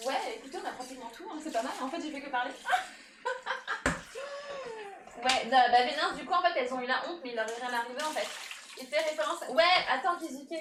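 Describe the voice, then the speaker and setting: A high-voiced woman chats away at rapid-fire speed while cooking on a live stream, laughing often, thanking viewers and talking to her cat. The mic is distant and her voice sounds a bit off-mic in an echoey room with a noisy background.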